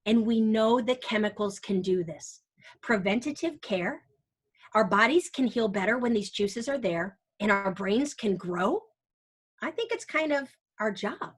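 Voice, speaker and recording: A woman teacher presenting an energetic online workshop, bubbly and encouraging, talking to her audience over a video call. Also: medium pitch, breathy edge. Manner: bubbly, encouraging, breaks into bits of song. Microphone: computer mic on a video call.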